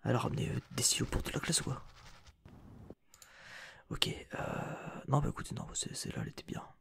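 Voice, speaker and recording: A man's voice: mid-range voice, wildly swooping pitch, a little fast, creaky, a bit bright, slight background noise. A man giving whispered ASMR reaction commentary as a content creator and streamer, rambling with slangy, joking asides, close to a sensitive microphone.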